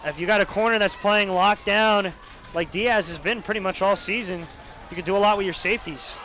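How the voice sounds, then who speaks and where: Student color analyst, young man, high-pitched, explains plays loosely with fillers, outdoors at a stadium. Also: a little fast, sharp tone, poor audio. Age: young adult. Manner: analytical, many fillers like "uh" and "you know". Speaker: color commentator. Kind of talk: college football analysis.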